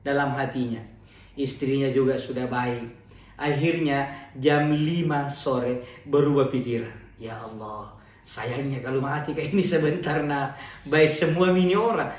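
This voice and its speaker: Animated preacher in an echoey hall. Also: male voice, mid-range voice, measured pace. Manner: animated storytelling, acting out the characters. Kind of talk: Ramadan sermon storytelling. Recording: echoey, from far off.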